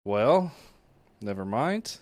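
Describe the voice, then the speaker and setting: A man chatting as a player in a tabletop game, excitable and slangy, with some trash talk. The sound is dry and close, with no room around it. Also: on the low side, extremely slow, dry recording. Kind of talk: casual play chat.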